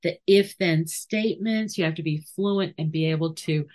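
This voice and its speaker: A middle-aged woman dog trainer talking through training ideas and acting out little scenes. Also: moderate pace. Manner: animated, acts out scenes with sudden high voices. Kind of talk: podcast monologue.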